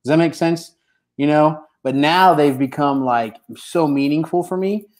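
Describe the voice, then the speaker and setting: A man's voice: fairly high pitch, unhurried, rough recording. Earnest man reflecting on hope. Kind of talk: casual faith chat. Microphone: video call.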